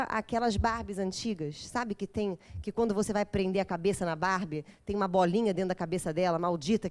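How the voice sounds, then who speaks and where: A woman with a medium-pitched, slightly mellow voice delivers an intense, dramatic lecture to a live group at a parents' course, quizzing her listeners as she goes.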